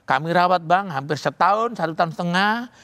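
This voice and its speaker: A man's voice: high-pitched, animated, fairly quick, bright, forceful tone, no room sound. A man, a police officer from Java, telling earnest stories. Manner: earnest storytelling, often addresses the interviewer directly. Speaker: police officer running a rehabilitation home.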